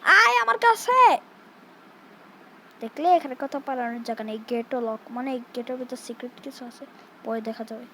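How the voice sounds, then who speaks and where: A woman's voice: a little high, steady tone, fast talker, dark tone, a little hiss or hum, poor audio. A young woman from Bangladesh giving casual, jumpy commentary while playing a horror game and talking back to the game. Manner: jumpy, chatty, scolds the game baby. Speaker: gaming streamer.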